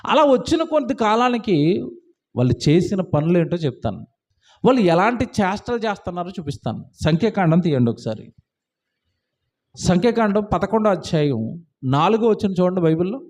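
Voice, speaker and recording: A man's voice: sits high, very animated, normal speed, darkish tone. A man preaching a sermon in church, firing rhetorical questions at the congregation and repeating phrases for emphasis. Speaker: pastor.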